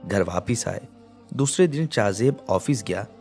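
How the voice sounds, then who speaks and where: A man calmly narrating a scripted domestic story. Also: on the low side, unhurried, soft background music.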